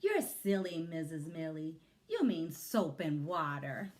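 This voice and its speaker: Young schoolchildren in a storybook, played by a woman reader, correcting their silly teacher. The words are stretched out slowly and emphatically, in a playful scolding singsong. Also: low-pitched, big pitch swings, a little mellow, heavily acted.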